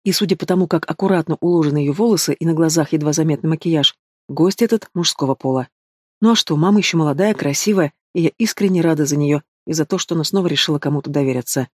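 Fairly high-voiced male storyteller. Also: fast, a little mellow, dry recording, studio quality. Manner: reads a woman's first-person story evenly. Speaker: audiobook narrator. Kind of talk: scripted first-person narration.

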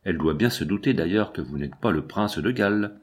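A man reading an audiobook, voicing a burly, brutish male blackmailer who mocks and menaces in a slow, sneering way. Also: sits low, lively intonation, breathy edge.

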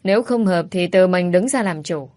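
A woman's voice: on the low side, a little mellow, dry recording, close to an everyday voice. A woman voicing a bossy older mother who scolds her daughter and schemes to marry her off. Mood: scolding. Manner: scolding, brisk.

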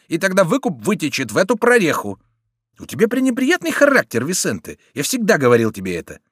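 Give me a sly bandit, voiced by a male reader. He talks in a raised, mocking voice with lively swings of pitch, smooth and persuasive. The recording is close and dry. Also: no room sound. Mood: scolding.

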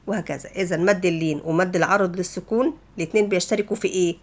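Low-voiced Egyptian woman teaching tajweed. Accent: Egyptian Arabic. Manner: explains rules step by step in relaxed colloquial speech. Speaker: Quran recitation teacher. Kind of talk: tajweed lesson for beginners.

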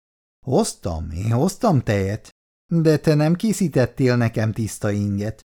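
A man's voice: very animated, mellow. A reader voicing a placating, weary young husband and father who answers in a soothing, gloomy tone in a dramatized reading of a 1960s family story. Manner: soothing, gloomy, low-voiced.

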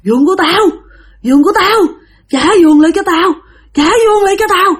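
Woman doing a raspy female ghost, wailing, high and loud. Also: animated, a little fast. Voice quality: hoarse, harsh. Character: hoarse wailing female ghost demanding her bed.

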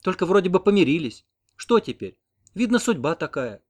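Soft, tearful young woman, read by a man, sighing and resigned. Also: sits high, big pitch swings, normal speed, husky, pitched above the performer's own voice, heavily acted. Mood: sad.

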